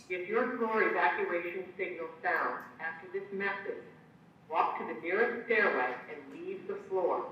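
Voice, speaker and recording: Man, PA system announcement, high voice, very echoey, distant, muffled. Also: slight background noise. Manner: measured, formal recorded announcement. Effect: played over a building PA system. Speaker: building alarm announcement.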